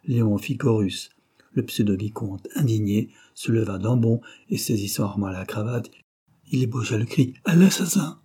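A man's voice: on the low side, normal speed, breathy edge. A man reading a novel aloud as an audiobook narrator, raising his voice for the dialogue. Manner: reads the dialogue with raised, lively voices. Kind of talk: scripted narration.

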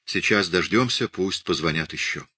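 A man reading a weary hunted scientist, low and husky. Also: lively intonation, no room sound, clean studio sound, full character voice. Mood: resigned. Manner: quiet, resigned, measured. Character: weary hunted middle-aged male scientist.

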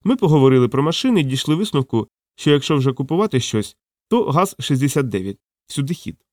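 A man narrating an audiobook in an expressive, animated reading, voicing the dialogue himself. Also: mid-range voice, quick pace, dry recording. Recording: dry close studio sound.

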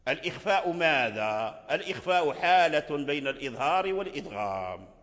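A man with a Moroccan accent teaching Quran recitation rules step by step, chanting short verse examples slowly to illustrate each point. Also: on the high side, very animated, fairly bright tone, big-room sound. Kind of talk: tajweed lesson.

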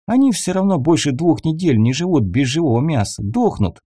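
A frightened young male captive blurts his answers in a nervous rush, as a male audiobook reader puts him on. His voice sits higher than the reader's own, soft and mellow, with lively rises. The recording is dry and close. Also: slightly rough, dry recording. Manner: nervous, hurried, gulping.

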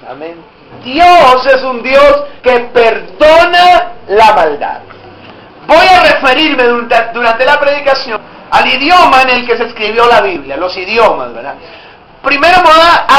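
A man's voice: very high voice, bright, forceful tone. A man preaching a sermon as pastor, emphatic and often asking the congregation rhetorical questions. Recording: echoey room.

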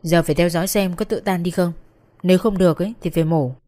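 A woman voicing a male hospital doctor who calmly explains a patient's condition. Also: fairly low pitch, quick pace, close to an everyday voice. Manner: calm, explanatory.

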